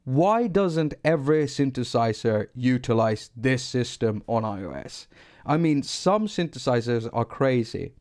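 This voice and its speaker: Somewhat slow and dark-toned, his mid-range voice swings widely in pitch as he teaches synthesis on a live stream. This middle-aged Swedish music producer has a Swedish accent, rambles, makes fun of himself and repeats words on restarts.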